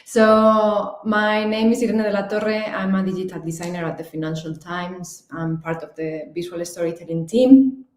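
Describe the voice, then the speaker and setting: A young woman from Spain, speaking with a Spanish accent, gives an online talk as a guest speaker and digital designer. Her voice is fairly low and reverberant, at normal speed with hardly any pauses, and she comes across chatty, slightly nervous and lively, full of fillers and restarts.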